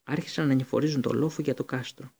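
Male audiobook reader, gravelly, husky tone, steady storybook reading. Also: medium pitch. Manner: steady reading, occasional slips and restarts. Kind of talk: storybook narration.

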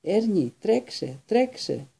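Young male conductor, eager and shouty, pitched well up, done by a male narrator with a gravelly voice. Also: very animated, full character voice. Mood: excited.

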